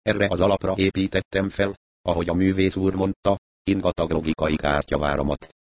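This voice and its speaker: A man narrating a crime novel in steady, even scripted audiobook narration. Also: low voice, no room sound.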